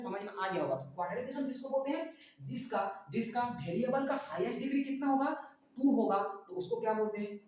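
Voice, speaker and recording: Male maths teacher, high-ish voice, self-answering questions, distant mic in a boomy room. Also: darkish tone. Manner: keeps asking and answering his own questions. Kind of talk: whiteboard maths lesson. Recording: very echoey room, far from the mic.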